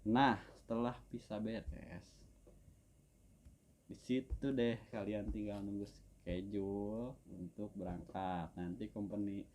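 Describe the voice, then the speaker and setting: Low-voiced man chatting casually. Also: takes it slowly, a little hiss or hum. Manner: relaxed, rambling, frequent fillers and hums. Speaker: co-host. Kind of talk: casual chat.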